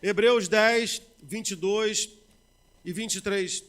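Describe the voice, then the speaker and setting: A Brazilian man preaching a sermon, swinging between loud bursts and low murmurs, and acting out everyday quotes in conversational asides. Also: fairly even intonation, slow pace.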